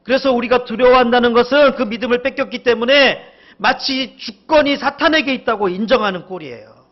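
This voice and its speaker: A man's voice: very high-pitched, fairly quick, highs cut off. A male pastor preaching a sermon, asking the congregation questions and acting out stern rebukes with emphasis.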